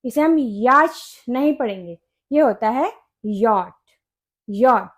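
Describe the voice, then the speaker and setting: Woman from India, pronunciation teacher; high voice, unhurried, repeats each word with care. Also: animated. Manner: slow, repeats words carefully for learners. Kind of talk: pronunciation lesson.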